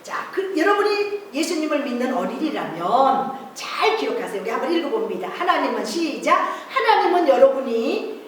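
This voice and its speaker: A woman's voice: high voice, sing-song, normal speed, few pauses, a crowd in the background. A woman preaching a Bible story to children at a church service, acting out the disciples' cries in a raised voice. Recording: echoey distant church room recording.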